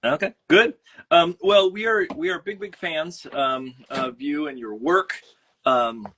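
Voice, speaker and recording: A man with a Minnesota accent hosts a casual livestream from his home, talking into a phone on a mount. His voice is bright and forceful, and he rambles along with plenty of fillers and restarts. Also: fairly high pitch, unhurried, slight background noise. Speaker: host. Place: home studio room.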